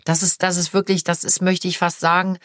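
A middle-aged woman hosting a podcast, chatting casually and telling animated stories. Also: on the low side, fairly quick, no room sound, clean studio sound. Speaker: podcast host, mother. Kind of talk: casual chat.

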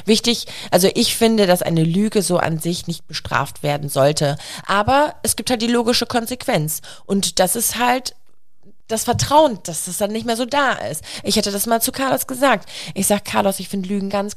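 A woman in her thirties chats about raising her young children. Her mid-range voice has a gravelly, creaky texture. She tells stories in a loose, animated way. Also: medium pitch, moderate pace. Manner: chatty, animated when quoting her son. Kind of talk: casual podcast conversation.

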